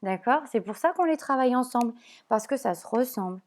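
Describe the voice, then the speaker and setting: A woman teacher explaining spelling sounds at a whiteboard, slow and patient, checking often that her pupils follow. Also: on the high side, animated. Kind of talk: remote classroom lesson at a whiteboard.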